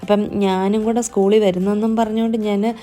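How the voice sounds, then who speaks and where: Narrating her day at home, a homemaker vlogger speaks in a mid-range, mellow voice that is fairly quick but flat in delivery. Her voice-over is chatty and friendly, and she frequently ends sentences with a conversational tag.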